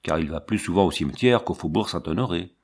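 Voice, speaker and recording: A man reading the lines of a dignified, noble countess in a storybook, in his own low voice. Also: lively intonation, fast, husky, exaggerated voice.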